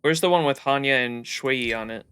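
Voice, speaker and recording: Bright-voiced excitable young male streamer. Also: mid-range voice, normal speed, clean tone. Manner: excitable, joking, swears, reads quests aloud. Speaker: livestreamer. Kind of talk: casual gameplay commentary. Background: game music.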